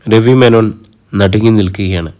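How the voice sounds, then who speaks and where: A man reading a romantic drama story aloud in a steady, measured storytelling voice. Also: fairly low pitch. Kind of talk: scripted audiobook narration.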